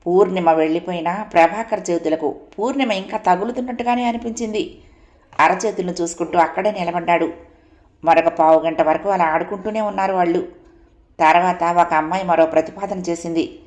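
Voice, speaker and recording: A woman's voice: on the low side, fairly even intonation, a little fast, a little mellow, highs cut off. Woman storyteller in an echoey room. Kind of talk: scripted story narration.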